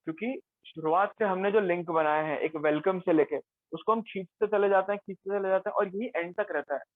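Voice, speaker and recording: High-voiced man teaching over a tinny line. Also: fairly quick, dry recording. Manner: mixes Hindi and English, explains with rhetorical questions. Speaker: workshop facilitator. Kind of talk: conversational workshop talk.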